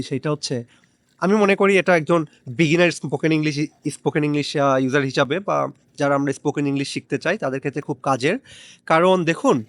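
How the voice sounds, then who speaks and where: A man giving a lively spoken English lesson outdoors by the water, switching between Bengali and English. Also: fairly high pitch, no room sound. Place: outdoors by the water in the late afternoon.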